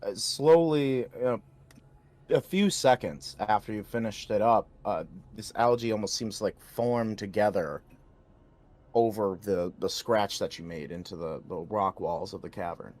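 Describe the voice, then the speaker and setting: A man narrating a tabletop game as game master, measured, with dry sarcastic asides. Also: on the low side, a little mellow.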